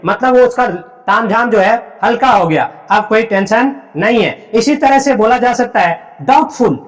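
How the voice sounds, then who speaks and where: A man's voice: very high voice, animated, moderate pace. A man teaching an English spelling lesson, spelling words out letter by letter and quizzing pupils with repeated questions. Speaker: English teacher at a coaching center. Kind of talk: classroom lesson.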